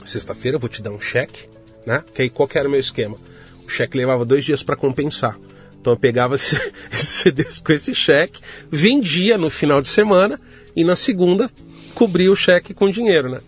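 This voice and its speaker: A middle-aged man from Brazil, telling his story to an interviewer in a casual, lively way and acting out the voices of the people in it. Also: a little high, a little fast, husky, soft background music. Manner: lively anecdotal, acts out quoted dialogue. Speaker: guest entrepreneur.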